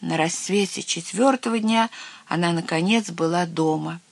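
Expressive storyteller reading a fairy tale. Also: mid-range voice, normal speed, creaky, dry recording. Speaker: narrator.

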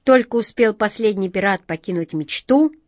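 A woman's voice: mid-range voice, animated, moderate pace, darkish tone, no room sound. Brief: woman narrator reading a children's tale, dry close sound. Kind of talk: storybook reading.

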